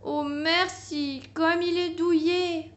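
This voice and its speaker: A gentle young bear cub, played by a woman in a storybook, mumbling his words slowly and softly. His voice is raised and childlike, each phrase stretched out. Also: very high-pitched, steady tone, voice pushed up. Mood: cosy. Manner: slow, mumbling speech.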